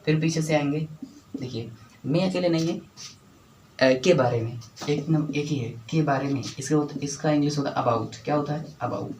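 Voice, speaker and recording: A man's voice: a little high, normal speed, a little mellow, a little hiss or hum, rough recording. A man teaching an English grammar lesson, who keeps repeating key words and asking the class short questions to check understanding. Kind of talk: spoken English lesson at a whiteboard.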